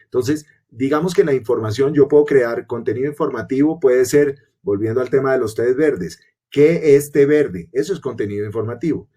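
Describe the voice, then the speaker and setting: Man, webinar presenter, mellow tone, husky, explains step by step. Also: medium pitch, brisk, few pauses. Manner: explanatory, poses and answers own questions. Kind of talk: webinar lecture.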